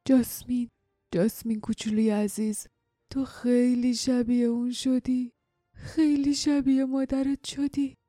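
A dazed, injured man murmurs faint, halting words to someone he loves, as a woman narrator puts him on. His voice is gravelly and dark, held to a flat, weak line, recorded dry and close for an audiobook. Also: fairly high pitch, no room sound, faint music behind, voice pushed up. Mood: faint tender. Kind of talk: audiobook character voice.

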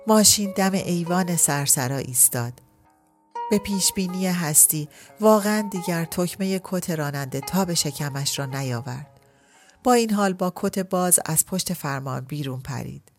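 A woman narrating a literary story as an audiobook, reading at a measured pace. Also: lowish voice, lively intonation, soft background music.

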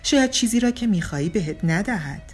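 A woman's voice: mid-range voice, animated, slightly rough, faint music behind, pitched above the performer's own voice. A woman voicing a frank, dry middle-aged woman giving blunt advice, in an audiobook reading. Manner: frank, dry, matter-of-fact.

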